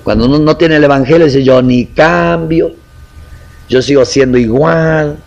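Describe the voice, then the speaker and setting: A man's voice: a little high, unhurried, vocal fry, lo-fi sound. A man preaching a sermon in a conversational way, acting out little quotes and asking the congregation questions.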